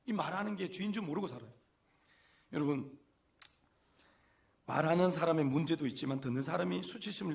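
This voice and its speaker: A man's voice: on the high side, creaky. A male pastor preaching a sermon in church, folksy and conversational, acting out everyday quotes. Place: church sanctuary.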